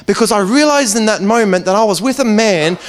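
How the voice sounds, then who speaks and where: A man speaks as a preacher, sharing a personal story from the pulpit. His voice sits a little high and comes across smooth and resonant. He talks earnestly and conversationally, often doubling back to restart a phrase. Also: expressive, a little fast.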